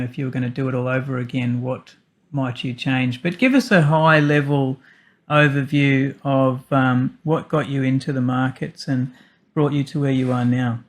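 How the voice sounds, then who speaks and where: A man's voice: medium pitch, level tone, normal speed. A man hosting a podcast, welcoming guests and asking long, searching questions. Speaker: podcast host. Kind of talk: interview questions.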